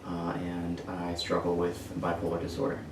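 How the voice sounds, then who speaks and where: A man in his twenties telling his personal story as a podcast guest, halting and searching for words, recorded far from the mic in an echoey room. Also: low-pitched, completely flat delivery, background noise. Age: 20s.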